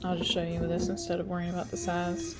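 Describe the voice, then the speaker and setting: A woman's voice: lowish voice, big pitch swings, quick pace, loud music behind the voice. A congested woman chatting through step-by-step instructions in a casual tutorial, with frequent ums. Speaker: craft tutorial host. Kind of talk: casual screen-share tutorial.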